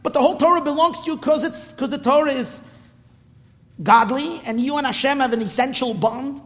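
Male rabbi, high voice, emphatic lecturing rhetorical questions, long room reverb. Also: a little fast, a bit bright. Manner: emphatic, repeats phrases, asks and answers own questions. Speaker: rabbi teaching a Torah class. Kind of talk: religious lecture, teaching unscripted. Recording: reverberant hall.

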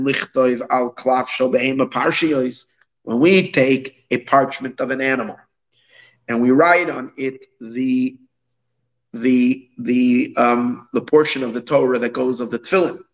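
A man's voice: mid-range voice, highs cut off. A man giving an explanatory religious lecture as a teacher, reading phrases and translating them, with emphatic repetition and rhetorical questions.

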